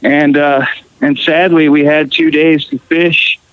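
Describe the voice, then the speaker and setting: Casting: man from Costa Rica, slightly high voice, easygoing rambling storyteller on a podcast call. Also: slow pace, clear, resonant tone, dry recording, dull audio. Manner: relaxed storytelling with fillers and restarts. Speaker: guest musician. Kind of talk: casual phone chat.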